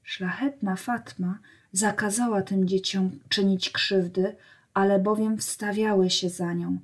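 Brief: woman voicing a stern male leader, menacing and low. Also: steady tone, unhurried, breathy edge. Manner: menacing, low-voiced threats. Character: stern commanding older male desert leader.

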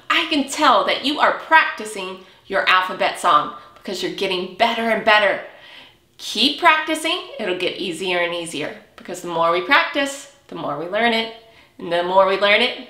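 A woman's voice: medium pitch, bright, forceful tone. A woman in her thirties teaching a preschool alphabet lesson in a broad singsong manner, emphatic and drawn out for small children. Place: small indoor room, in front of a whiteboard. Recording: roomy indoor echo.

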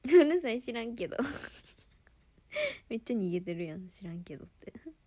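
Giggly woman livestreamer, fairly high and animated, casual chat with viewers. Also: moderate pace, breathy edge. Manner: giggly, laughs often, drops into soft murmurs. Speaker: idol livestreamer chatting with viewers.

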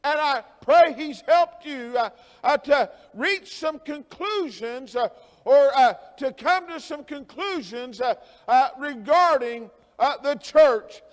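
Man, pastor, sermon, very high voice, halting with fillers, church hall reverb. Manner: slow, halting delivery with many fillers and repetitions; builds to emphatic near-shouting. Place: church sanctuary.

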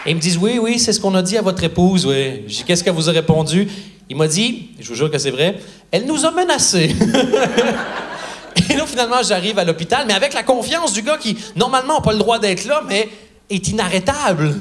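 Stand-up comic, male, high voice, storyteller who acts out each character. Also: big pitch swings, brisk, fairly bright tone, a faint crowd. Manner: storytelling, acting out the people he quotes. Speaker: stand-up comedian. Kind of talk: stand-up comedy set. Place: theatre stage before a live audience.

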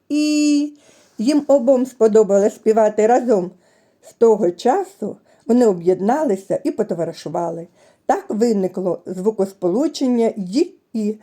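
A woman teaching a literacy lesson to young children, speaking gently and stretching out sounds as she addresses them. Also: a little high. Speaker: preschool teacher. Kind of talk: slow, clearly articulated literacy lesson for children.

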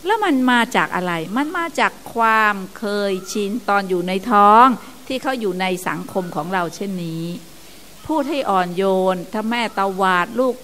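An older woman, a nun on a radio show, gently teaching about chanting and family life. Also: medium pitch, slight background noise. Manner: gentle teaching, sometimes laughs and mimics chanting. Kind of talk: dharma talk on radio.

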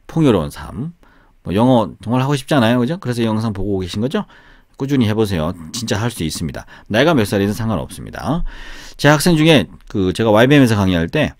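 Lively Korean man teaching English sounds. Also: fairly low pitch, no echo, clean studio sound. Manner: lively, repeats words with exaggerated stress. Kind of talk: casual explanatory lesson.

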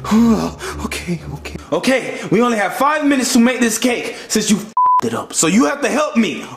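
A man's voice: very high voice, very animated, normal speed, creaky, background noise, full character voice. A man voicing a bumbling, hot-tempered chef who whines and swears. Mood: flustered. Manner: whiny, swearing, flustered. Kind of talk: puppet comedy skit acting. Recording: roomy echo, faint music.

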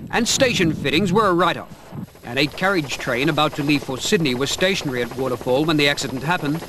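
A man reporting a news story in a measured, formal, scripted delivery. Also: on the high side, background noise.

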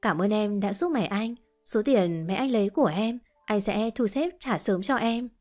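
A woman voices a weary, worn-down young husband in a lightly acted performance. Her mid-range voice has a darkish tone and moderate pace, with faint music behind it.

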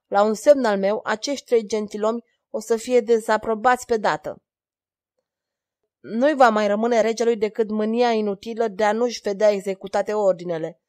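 A woman reading the part of a young knight who is calm and loyal and speaks in a grave, measured tone. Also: medium pitch, natural voice.

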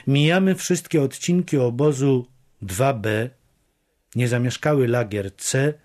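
A man reading literary prose as an audiobook, measured and deliberate. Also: medium pitch, darkish tone. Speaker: audiobook narrator.

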